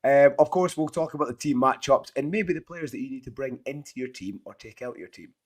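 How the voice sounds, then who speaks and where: A man with a Scottish accent hosts a football chat in a hoarse voice worn out from shouting. He rambles in a matey, enthusiastic way, at a middling pitch. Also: fairly quick. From Scotland. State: hoarse, voice partly lost from shouting. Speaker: podcast host. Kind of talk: casual fantasy football chat.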